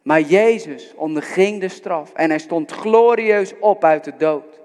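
Speaking directly to his congregation, a man delivers an earnest, exhorting sermon in an unhurried manner. His high voice has a darkish tone, echoing with the long reverb of a large hall.

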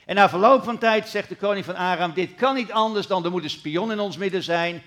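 A middle-aged man preaching a sermon, retelling scripture as a lively story with sudden loud bursts. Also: high voice, fairly quick.

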